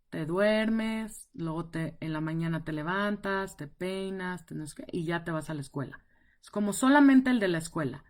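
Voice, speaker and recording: Woman explaining with plenty of "ok". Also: medium pitch. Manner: conversational, repeats words and checks in with "ok". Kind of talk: informal live-stream explanation. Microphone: device mic on a live stream.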